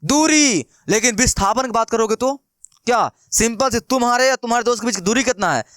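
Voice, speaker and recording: A man's voice: extremely high pitch, brisk, fairly bright tone, no room sound, studio quality. A young man teaching math in a casual classroom style, chatty and playful, who keeps asking questions and answering them himself. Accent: Bihari Hindi. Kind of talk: casual classroom lesson explaining with everyday examples.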